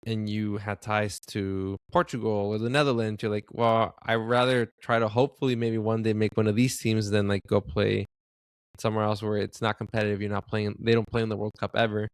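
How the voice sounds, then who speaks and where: A man's voice: fairly low pitch, little pitch movement, fairly quick, smooth, dry recording, clean studio sound. A man co-hosting a soccer podcast, speaking hesitantly and filling his sentences with "like.". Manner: hesitant, heavy use of "like". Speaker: podcast co-host. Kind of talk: casual chat.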